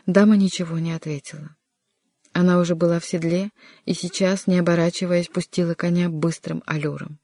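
An audiobook narrator reading a historical adventure novel in an even, measured way. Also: mid-range voice, no room sound, studio quality. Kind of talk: scripted narration.

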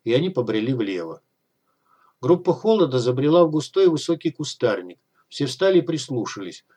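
A man narrating an audiobook in a steady, measured reading. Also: mid-range voice, breathy edge. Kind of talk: scripted narration.

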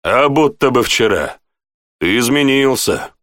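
A barking, hearty lieutenant, as a male reader plays him, snapping orders one moment and joking the next. His voice is pushed well above the narrator's low register, with a lively swing, in a close, dry storybook reading. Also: a little slow, no echo. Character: commanding male lieutenant, hearty old friend.

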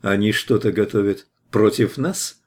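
A man reading an audiobook voices a steady, tough hero who interrogates a captive in a firm, measured way. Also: on the low side. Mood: pressing.

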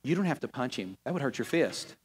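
A man voicing the Holy Spirit in a low, hushed way as part of a story in a sermon. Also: very animated, fast talker, husky, long reverb tail. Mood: calm. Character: the Holy Spirit speaking calmly, male.

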